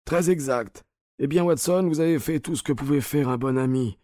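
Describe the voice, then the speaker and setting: An actor playing an ailing, cunning detective in a radio play, whose voice is weak. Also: male voice, fairly high pitch, moderate pace, mellow, dry recording, studio quality, lightly acted. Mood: urgent. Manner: weak voice, commanding when roused.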